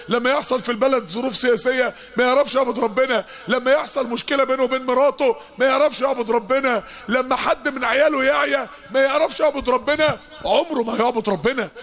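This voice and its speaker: A man's voice: very high-pitched, fairly even intonation, quick pace, fairly bright tone. A man with an Egyptian Arabic accent preaching a sermon in an impassioned, emphatic way, sometimes reciting verses melodically.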